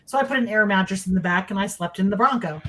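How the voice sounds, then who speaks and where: A woman's voice: medium pitch, quick pace, a bit bright. Middle-aged woman telling a personal story. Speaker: guest recounting sightings. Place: indoors in a dim room, on a video call.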